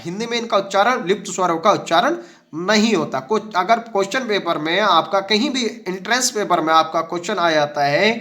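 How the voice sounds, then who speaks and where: A man's voice: high-pitched, pushed and bright. A male teacher giving an exam-prep lesson, asking the class questions and answering them himself. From India.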